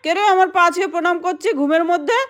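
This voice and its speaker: A woman voicing a strict elderly mother who scolds her grown daughters, loud and bossy. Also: very high-pitched, steady tone, rapid-fire, very noisy, voice pushed up. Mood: grumbling.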